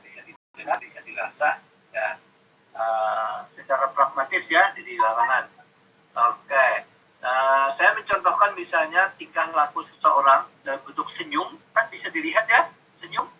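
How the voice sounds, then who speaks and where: A man's voice: fairly high pitch, expressive, moderate pace, bright, forceful tone, highs cut off, slight background noise. A man giving an online university lecture, explaining patiently with many fillers and acting out example intonations. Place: home, online class.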